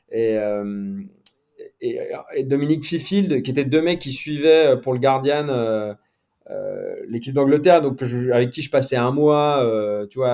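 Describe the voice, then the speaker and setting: Middle-aged male journalist guest, relaxed dark tone, halting casual delivery. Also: mid-range voice. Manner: hesitant, many fillers and restarts. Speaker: sports journalist, podcast guest. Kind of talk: casual conversational interview.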